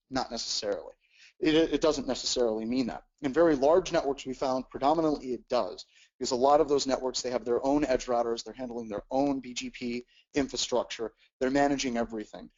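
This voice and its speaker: A man's voice: medium pitch, a little mellow, highs cut off. A man teaching in a technical webcast, explaining step by step with frequent "uh"s and repeated words. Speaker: webcast instructor.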